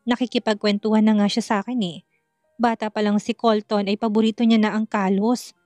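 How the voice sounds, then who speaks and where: A woman's voice: mid-range voice, level tone, brisk, darkish tone, no echo. A woman narrating a scripted first-person story in an emotional, polite way. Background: faint music.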